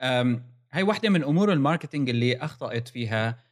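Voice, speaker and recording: A man's voice: medium pitch, expressive, racing. A man with a Levantine Arabic accent co-hosting a casual technology discussion, talking in an analytical, point-by-point way. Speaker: podcast co-host.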